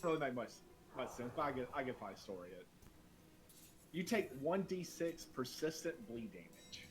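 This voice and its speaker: A man running a tabletop game as game master over an online call, relaxed and quick to laugh. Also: mid-range voice. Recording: noisy background hiss.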